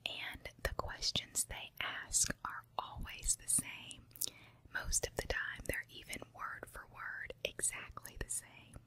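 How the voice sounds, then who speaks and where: Female ASMR creator, fully whispered ear-to-ear delivery, intimate close recording, unhurried confiding ramble. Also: pushed and bright. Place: room at home with carpet and window. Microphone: handheld recorder with foam windscreen on tripod, very close.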